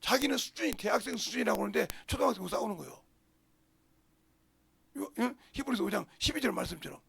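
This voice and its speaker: Gravelly, high-voiced older male pastor. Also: animated, fast talker, no echo. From South Korea. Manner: forceful preaching, swings from loud outbursts to low murmurs, blunt street words. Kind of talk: sermon. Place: church sanctuary.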